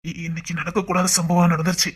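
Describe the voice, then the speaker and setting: A woman's voice: fairly low pitch, steady tone, bright, forceful tone, slightly rough, voice pushed down, heavily acted. A woman voicing a nervous grown man with a Tirunelveli Tamil accent who stammers and halts as he reports bad news by phone. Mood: hesitant. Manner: stammering, halting.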